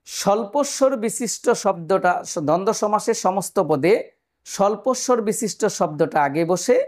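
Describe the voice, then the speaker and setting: Male tutor, fairly high voice, methodical exam-prep explainer who quizzes viewers. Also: darkish tone. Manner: explains step by step, asks the viewers questions. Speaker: teacher. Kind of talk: exam-prep grammar lesson.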